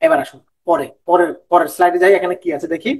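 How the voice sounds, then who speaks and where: Fast-talking Bangladeshi Bengali coach, high voice. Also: male voice, animated, poor audio. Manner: repeats phrases, mixes English into Bengali. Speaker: BCS viva coach. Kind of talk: online lecture.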